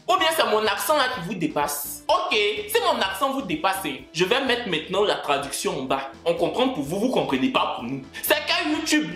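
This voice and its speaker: Animated man with Ivorian accent. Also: high voice. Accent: Ivorian French. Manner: animated, joking, swings between loud indignation and mutters. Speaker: YouTuber. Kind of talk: casual vlog rant. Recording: echoey room with faint music.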